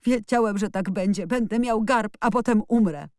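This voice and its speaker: A woman's voice: medium pitch, normal speed, mellow, no room sound, clean studio sound, voice pushed up, close to an everyday voice. Woman doing a stammering, sobbing sick boy. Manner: stammering through sobs. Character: hysterical sobbing sickly boy.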